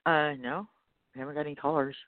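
A man's voice: a little high, steady tone, fast, no echo. A man hosting a podcast in casual, rambling chat, informal and often checking in with the listener. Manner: informal, often tags sentences with "you know". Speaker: podcast host. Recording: thin phone-like sound from makeshift setup.

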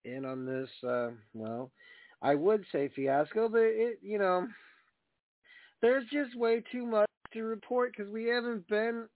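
A man's voice: high-pitched, measured pace, no echo. A man hosting a wrestling radio show, chatting casually in a rambling, slangy way over a thin phone-like line. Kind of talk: casual talk show chat.

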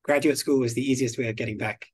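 A man from the United Kingdom being interviewed as a guest on a podcast, speaking in a measured, articulate way. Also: mid-range voice, steady tone, slightly rough, no room sound. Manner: measured, articulate, slow and deliberate. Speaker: guest expert on biodiversity.

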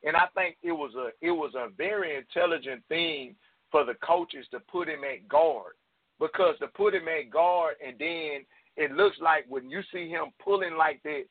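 A man's voice: on the high side, normal speed, no room sound. A man calling in to a sports radio show over the phone, chatting casually and earnestly asking the host's opinion. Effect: heard over the phone. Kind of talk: casual call-in chat. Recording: tinny phone line, dry.

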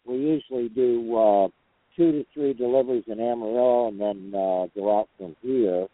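This truckers' call-in show host speaks in a mid-range voice at normal speed, his talk folksy, meandering and halting. He's sitting in a parked truck cab, and the dry recording sounds narrow and tinny, as if over a phone or radio line.

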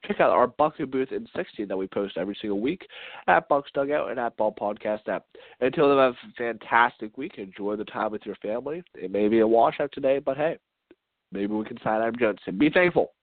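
A man's voice: mid-range voice, a little fast, dry recording. A man hosting a baseball podcast in a casual, rambling way, a little congested and stumbling over his words. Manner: rambling, repeats words, chuckles. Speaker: podcast host. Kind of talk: casual solo podcast sign-off. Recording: dry, tinny phone-like sound.

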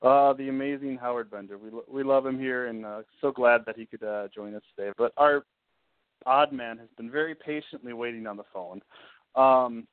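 A man's voice: mid-range voice, normal speed, clear, resonant tone, dry recording. A man hosting a sports talk show in a casual, loose, chatty way, through a phone-like connection. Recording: tinny, phone-like internet radio.

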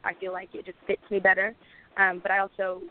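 A woman's voice: medium pitch, monotone, a little fast. A young woman born in Lebanon, a singer answering interview questions in a casual, grateful way with many fillers. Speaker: guest singer. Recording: tinny phone-like line.

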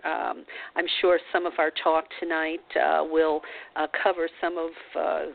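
Low-voiced woman hosting over a phone line. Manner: warm and gushing, heavy on filler words. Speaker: radio show host. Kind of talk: interview introduction. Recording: tinny phone-line sound.

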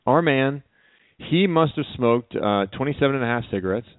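A man co-hosting a radio talk show, chatting casually with a wry, deadpan humor. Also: medium pitch, normal speed, dry recording. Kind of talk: casual chat. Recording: dry, phone-like narrow sound.

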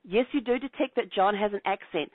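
A female host with a New Zealand accent and a mid-range voice talks a little fast in a casual travel interview, bubbly and chatty and quick to laugh. The sound is dry, like a phone line, with no room sound.

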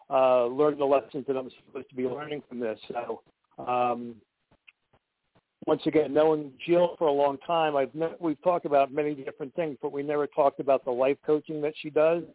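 A man's voice: fairly high pitch, dry recording. Guy on a bad conference call, tinny phone sound, cuts out, keeps restarting words. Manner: halting, repeats and restarts words. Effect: conference call line that keeps breaking up. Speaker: guest. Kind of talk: candid personal talk.

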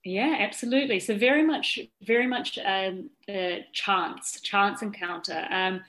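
A woman in her thirties with a New Zealand accent, a yacht officer and founder, chats as a guest in a casual interview, upbeat and laughing often. Her medium-pitched voice is unhurried with a fairly bright tone. The recording is rough.

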